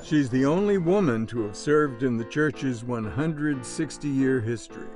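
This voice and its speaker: A man narrating a news feature in an even, measured reading. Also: medium pitch, faint music behind.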